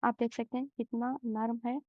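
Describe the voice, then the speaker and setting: A young woman hosting a home cooking channel, walking through a recipe step by step in a slow, gentle way with many hesitations. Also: fairly high pitch, flat delivery, dry recording, highs cut off.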